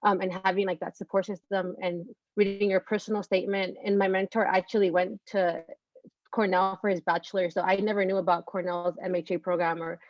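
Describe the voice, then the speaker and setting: A woman's voice: medium pitch, level tone, fairly quick, no room sound, lo-fi sound. A woman from California, speaking earnestly as a graduate student panelist and giving advice. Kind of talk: casual panel answer.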